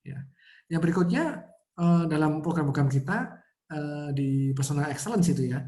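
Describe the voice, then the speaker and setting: A man, a child psychologist, answers parents' questions in a relaxed webinar talk, explaining through everyday examples over a video call. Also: on the high side. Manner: easygoing, explains with everyday examples, often ends phrases with "gitu".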